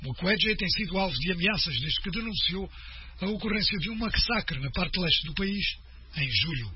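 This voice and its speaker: A man's voice: high-pitched, normal speed, husky. Man reading radio news, muffled. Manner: steady formal delivery. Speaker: news presenter. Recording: muffled radio broadcast with faint noise.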